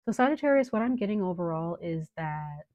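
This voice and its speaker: Fighting off a cold, a tarot reader speaks to her viewers in a low, slightly hoarse voice, taking her time and offering reassurance. Her casual reading is dotted with "um"s. The recording is close and dry, with no echo from the room.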